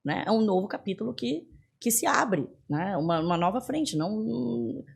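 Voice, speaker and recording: Guest, woman, 40s, from northern Brazil; husky voice, lively and chatty. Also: mid-range voice, moderate pace. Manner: animated, laughs often, many fillers and restarts. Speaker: podcast guest. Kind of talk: casual interview chat.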